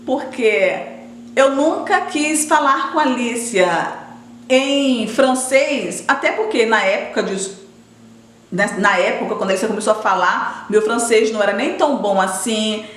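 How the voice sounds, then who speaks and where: A woman's voice: fairly high pitch, unhurried. A middle-aged Brazilian woman chatting casually to her viewers as a vlogger, talking directly to them and often restarting her sentences. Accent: Brazilian Portuguese. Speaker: vlogger and educator. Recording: roomy echo.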